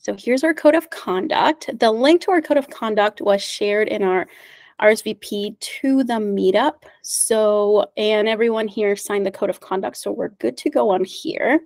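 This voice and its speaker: Presenting at an online meetup over a video call, a U.S.-based woman whose first language is Spanish speaks at normal speed in a medium-pitched, slightly mellow voice. She's upbeat and friendly, with frequent fillers and little laughs. The sound is clean, studio-like, with no room sound.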